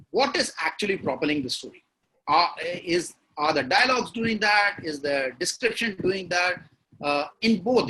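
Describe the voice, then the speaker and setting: In an interview on storytelling, a guest writer with an Indian accent makes his points emphatically, one at a time, frequently repeating key words. The rough recording has a little hiss or hum, and his high voice sounds pushed and bright.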